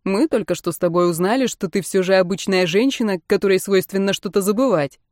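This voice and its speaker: Woman reading a gentle reassuring male doctor, mid-pitched, dry close sound, storybook reading. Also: a little fast, no echo, natural voice. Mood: soothing. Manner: soothing, reassuring. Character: calm caring male doctor, protective older brother.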